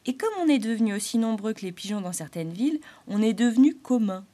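A woman's voice: fairly high pitch, lively intonation, fast talker, warm tone, lightly acted. A woman voicing a sly male grey squirrel who complains in a confiding way in a storybook reading. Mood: aggrieved.

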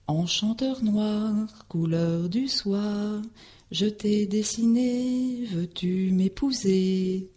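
Woman voicing a timid storybook fairy, slow and a bit breathy, lively pitch. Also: faint music behind. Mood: singsong. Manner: fretful, self-doubting. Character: small, anxious fairy seeking a husband.

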